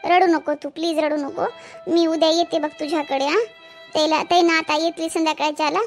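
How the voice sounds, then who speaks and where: A woman's voice: sits high, level tone, a little fast, soft background music. A woman voicing a tearful young married woman, a new mother, who sobs and pleads, in a cartoon. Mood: pleading. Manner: sobbing, pleading. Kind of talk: cartoon voice acting.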